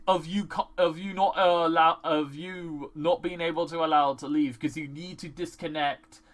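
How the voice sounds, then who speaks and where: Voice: mid-range voice, a bit bright. A movie reviewer in a casual vlog, ranting in an exasperated way, swearing often and filling speech with "like". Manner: many "like" fillers.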